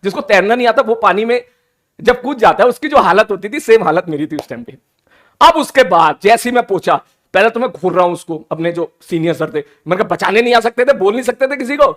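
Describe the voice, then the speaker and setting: A man tells his class a story. He speaks in an animated, teasing way and drops English phrases into his talk. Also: high-pitched, a little fast. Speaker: teacher. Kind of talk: storytelling anecdote to students.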